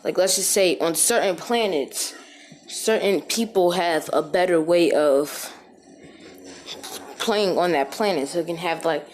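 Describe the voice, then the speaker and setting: A woman's voice: lowish voice, unhurried, a little mellow, slight background noise. A woman giving a casual, rambling gameplay voiceover, with many fillers and restarts, recorded in an echoey room. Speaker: gaming video creator. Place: echoey room, different from usual.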